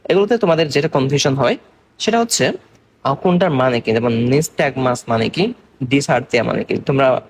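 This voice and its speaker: A man's voice: medium pitch, slight background noise. A young man from Bangladesh giving an exam-focused medical lecture, explaining step by step and often checking that students follow. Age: young adult. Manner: explains slowly in mixed Bengali and English terms, checking understanding.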